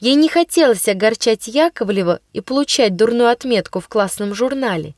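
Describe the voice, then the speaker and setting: Female audiobook narrator, expressive, a bit high voice. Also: normal speed, no room sound, clean studio sound. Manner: expressive storytelling. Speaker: audiobook reader. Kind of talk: scripted narration.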